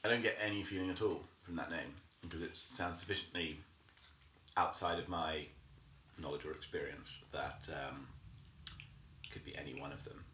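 A man playing a quiz game, thinking aloud hesitantly, with many pauses and fillers. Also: very deep voice, steady tone, bright, forceful tone. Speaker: quiz contestant. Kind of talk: casual game chat. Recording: echoey room, faint noise.

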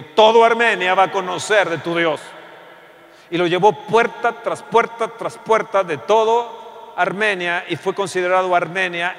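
A man preaching a passionate sermon, swinging between loud outbursts and hushed storytelling. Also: fairly high pitch, long reverb tail.

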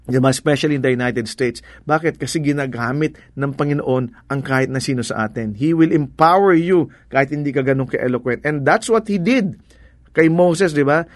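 A man's voice: a little high, moderate pace, no echo, studio quality. A man with a Filipino accent preaching a sermon in a conversational way, slipping English into his talk and asking rhetorical questions.

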